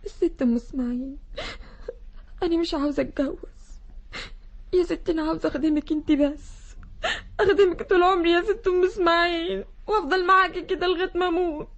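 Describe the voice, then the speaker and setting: A woman's voice: very high voice, fairly even intonation, fast talker, fairly bright tone, muffled recording. An actress playing a timid young village girl who pleads through tears in an Egyptian accent, in a 1960s Egyptian radio drama. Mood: tearful pleading. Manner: pleading, sobbing. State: crying. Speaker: bride-to-be refusing marriage.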